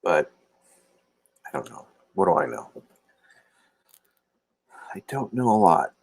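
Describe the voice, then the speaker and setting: A man's voice: low voice, animated, slow pace, gravelly, husky, dry recording. A man hosting a casual livestream, rambling and self-deprecating as he talks to viewers from a room. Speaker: livestream host. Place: indoor room. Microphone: phone or laptop camera mic.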